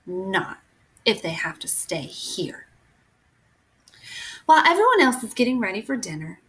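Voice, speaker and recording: A woman reading a children's chapter book aloud in an expressive, unhurried way. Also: mid-range voice, vocal fry, slight background noise, poor audio. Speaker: reader.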